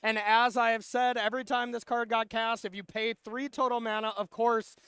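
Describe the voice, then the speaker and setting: A man's voice: very high voice, flat delivery, normal speed, fairly bright tone, clean tone, no echo. A man giving live play-by-play commentary on a card game, analytical with dry sarcasm.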